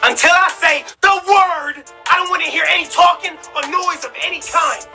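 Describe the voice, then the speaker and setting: An exasperated American school teacher, acted out by a skit performer, bossy and emphatic. The voice sits extremely high and scolds in comedy style, over clear background music. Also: steady tone, normal speed, sharp tone, heavily acted. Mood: stern, irritated. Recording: music behind, played from a video.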